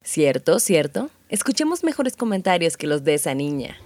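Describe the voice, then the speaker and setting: A woman's voice: low voice, big pitch swings, normal speed, heavy background noise. A woman acting a defiant, anxious pregnant sister in an audio drama, dramatic and pleading. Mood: dry, reproachful.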